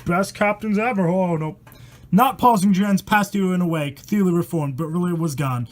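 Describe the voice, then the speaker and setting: In a high voice at a moderate pace, a man who hosts and tells stories as an amateur performs a rhyming horror tale with dramatic irreverence. He trips over words now and then and drops casual swearing on the side.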